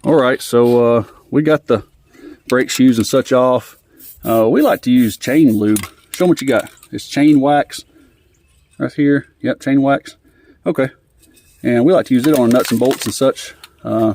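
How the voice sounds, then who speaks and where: A man's voice: mid-range voice, unhurried, pauses often, a little mellow, a little hiss or hum. A man giving casual working commentary while fixing an old truck. He is out of breath and rambles, with many fillers. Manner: rambling, filler-heavy, laid-back.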